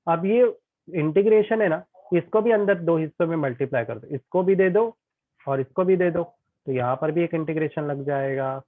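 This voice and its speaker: A man's voice: a little high, normal speed, no room sound. A male tutor teaching an online physics class, chatty and often checking that students follow. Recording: tinny phone-like online class audio.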